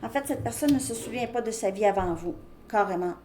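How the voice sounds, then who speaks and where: A woman tarot reader gives a casual card reading to viewers, chatty and loose, thinking aloud with lots of fillers and "ok?". Her mid-range voice is animated, a little fast and a little mellow. The room has a roomy echo, faint hiss and faint background noise.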